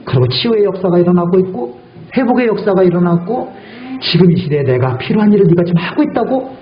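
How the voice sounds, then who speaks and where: A man's voice: high voice, animated, fast talker. A male guest pastor preaching a sermon in a church sanctuary, emphatic and full of rhetorical questions. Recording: echoey church hall, dull audio.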